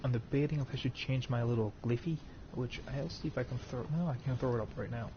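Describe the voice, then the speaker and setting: A man's voice: medium pitch, fast. A man streaming a video game, talking casually and jokily as he plays. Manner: chatty, rambling, jokey. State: has the hiccups. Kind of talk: casual gameplay commentary. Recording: dull lo-fi mic with noisy background.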